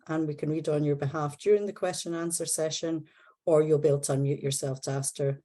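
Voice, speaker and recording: A Scottish woman with a low, mellow voice opens an academic seminar and introduces the guest speaker. She speaks carefully, pausing now and then on fillers. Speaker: seminar host.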